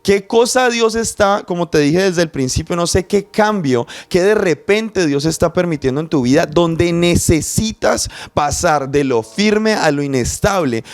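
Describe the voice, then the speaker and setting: A young man preaches with passion and addresses the listener directly. His voice sits a little high. The recording is dry and close. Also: dry recording. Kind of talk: sermon.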